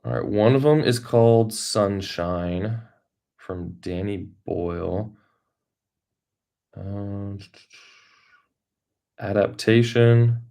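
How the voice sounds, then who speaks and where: A man with a low-pitched voice hosts an informal livestream. He talks off the cuff, rambling a little and thinking out loud as he addresses his viewers. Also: very slow, vocal fry, pauses often. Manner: rambling, thinking aloud while reading the chat. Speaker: YouTube creator hosting a livestream. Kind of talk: casual unscripted livestream chat.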